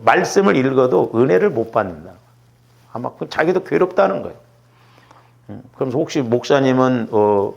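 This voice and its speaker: A man's voice: mid-range voice, creaky, dull audio. A middle-aged male pastor giving a conversational sermon, often checking in with the congregation. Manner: conversational preaching with rhetorical checks.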